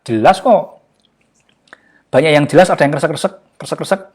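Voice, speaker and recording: Man, slightly high voice, casual online class talk, jokey, searching for words. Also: moderate pace, darkish tone, slightly rough. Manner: chatty and jokey, often searching for words with fillers. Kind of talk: casual motivational talk to a live online audience.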